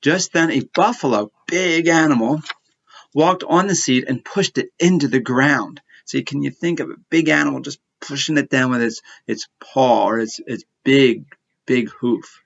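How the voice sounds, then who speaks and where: A man of medium pitch talks in a kindergarten teacher voice. He explains and narrates for preschoolers in simple, repeated phrases. The recording is a little dull. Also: normal speed, creaky. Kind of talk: science lesson and story for preschoolers. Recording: slightly muffled lo-fi audio.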